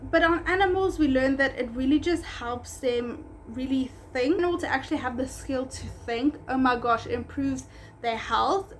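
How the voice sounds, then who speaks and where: A young South African woman in her twenties, a native Afrikaans speaker who runs a pet spa, chats casually in a vlog. Her high voice carries a South African accent, and she rambles and corrects herself, with slight background noise.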